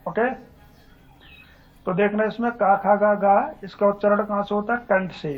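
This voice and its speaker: A man's voice: high voice, steady tone, normal speed. A male teacher giving a classroom lecture on Hindi grammar, asking questions and answering them himself in a repetitive drilling manner. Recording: dull lo-fi recording.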